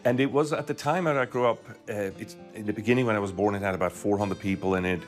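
A man's voice: on the low side, fast, soft background music. A middle-aged man from Switzerland, a guest in an interview, recalling his childhood thoughtfully with many restarts. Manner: thoughtful, with frequent restarts and repeated words. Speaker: guest, university professor. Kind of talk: casual interview storytelling.

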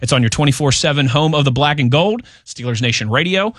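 A man's voice: fairly high pitch, expressive, fast talker, background noise. Laid-back man hosting sports radio. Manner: laid-back, chuckling, conversational. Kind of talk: casual sports chat.

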